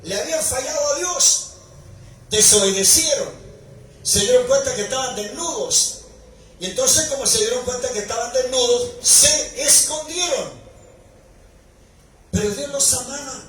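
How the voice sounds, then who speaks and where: High-voiced preaching pastor in echoey hall. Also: male voice, a little slow, pauses often. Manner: preaching with rising, shouted emphasis. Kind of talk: sermon. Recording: echoey hall recording from far off, faint noise.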